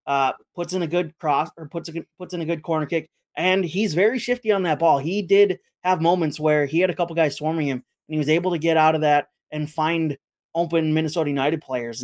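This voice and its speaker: A man's voice: a little high, a little mellow. An American man hosting a sports podcast, talking through results and upcoming fixtures in a matter-of-fact way. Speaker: sports podcast host and match broadcaster. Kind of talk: sports podcast talk with schedule announcements.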